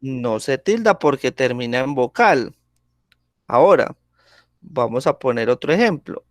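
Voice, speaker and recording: A man's voice: mid-range voice, sing-song, no room sound, studio quality. A man teaching a grammar lesson over a video call, speaking patiently and checking in with the class often. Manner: slow, patient, checks in with frequent "¿sí?".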